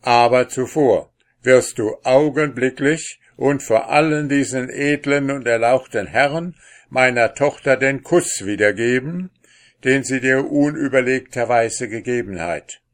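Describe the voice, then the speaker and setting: A man reading a fairy tale aloud, voicing a stern old king who speaks brusquely and loudly. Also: medium pitch, unhurried, voice pushed up, natural voice. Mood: gruff. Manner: raised, brusque declaiming.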